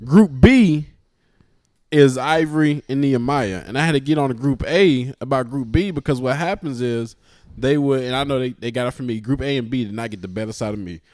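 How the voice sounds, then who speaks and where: This podcast co-host, a man in his 30s, keeps the casual chat lively with animated storytelling, laughing often. His mid-range voice moves briskly, recorded at studio quality with no echo.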